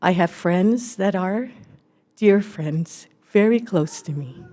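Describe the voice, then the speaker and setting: A middle-aged woman giving earnest, halting public testimony at a podium microphone in a legislative hearing room. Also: mid-range voice, dark tone.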